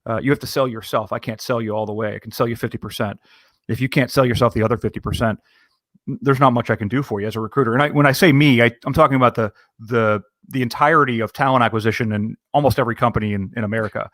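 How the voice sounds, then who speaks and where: Male recruiter co-host, middle pitch, earnest and halting, dry close mic. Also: steady tone, fairly bright tone, no echo. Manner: earnest, many restarts and repeated words. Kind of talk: casual podcast conversation.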